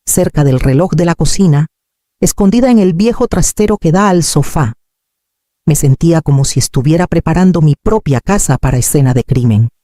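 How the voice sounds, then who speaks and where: A man narrating a dramatic story in a slow, solemn, expressive way. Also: fairly high pitch, no room sound, clean studio sound.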